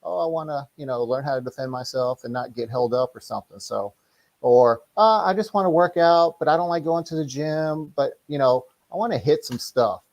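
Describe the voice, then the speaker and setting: With a fairly high yet darkish voice, a middle-aged man talks casually as an interview guest. He teaches martial arts, and his explanations ramble and halt.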